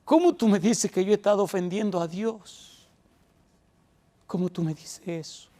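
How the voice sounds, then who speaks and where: A man's voice: on the high side, expressive, moderate pace, warm tone, lightly acted. A man voicing an elderly father near ninety who pleads with his daughter, emotional and tender. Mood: pleading, tearful. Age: older.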